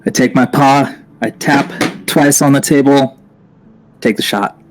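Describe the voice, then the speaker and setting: A man playing in a tabletop game, easygoing and quick to laugh. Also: medium pitch, fairly even intonation, slight background noise. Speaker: player. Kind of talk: casual tabletop banter.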